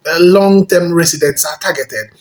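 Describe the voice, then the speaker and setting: A narrator reading a scripted commentary segment in a measured way. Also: medium pitch, a little mellow.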